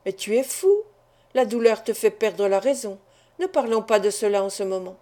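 A woman's voice: medium pitch, animated, moderate pace, mellow, close to an everyday voice. A woman reading the lines of a self-interested older male business partner in an audiobook, insistent and persuasive. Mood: protesting.

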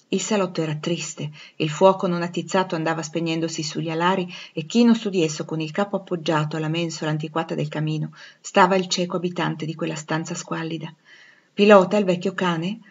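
A woman narrating a classic novel aloud in a measured, expressive reading. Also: fairly low pitch. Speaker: audiobook reader. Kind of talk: literary audiobook narration. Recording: dull lo-fi recording.

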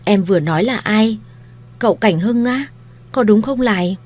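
A woman voicing a kind, shrewd young mistress of a household, speaking in a gentle, coaxing, reassuring way. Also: lowish voice, normal speed, lightly acted.

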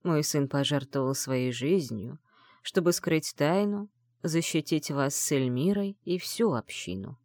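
A woman reading the part of a gentle, sad old grandfather in an audiobook, speaking with sorrow and tenderness. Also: sits low, expressive, a little slow, no echo, clean studio sound. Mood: sad, tender.

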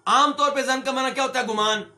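A middle-aged man teaching a religious lesson, his voice pitched unusually high for a man and very bright and sharp. He reads each Arabic phrase slowly and then unpacks its meaning. He keeps posing questions to his listeners, whom he calls brothers, and answers them himself. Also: steady tone. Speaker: Islamic scholar and hadith teacher.

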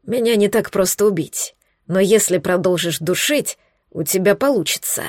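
A woman voicing a weak, hoarse wounded young man who speaks slowly and with strain. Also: medium pitch, dry recording, clean studio sound, close to an everyday voice. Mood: pained.

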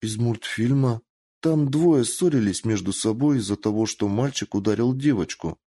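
A man's voice: medium pitch, moderate pace, dark tone, slightly rough, voice pushed up. A man voicing a naive, playful young female fox spirit in a squealing, childlike voice in an audiobook. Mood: innocent explaining. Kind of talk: audiobook character voice.

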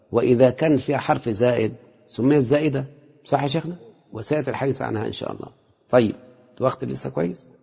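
Quick, husky Egyptian man teaching. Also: medium pitch. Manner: quizzing students with rhetorical questions. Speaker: teacher of Arabic morphology. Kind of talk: classroom lesson. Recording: dull lo-fi recording in a reverberant hall.

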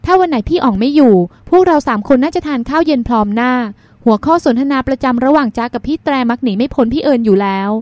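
A woman's voice: high-pitched, expressive, quick pace, few pauses, darkish tone, no room sound. A woman voicing a vain, playful young woman who jokes and coaxes her older sister. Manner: coaxing, joking.

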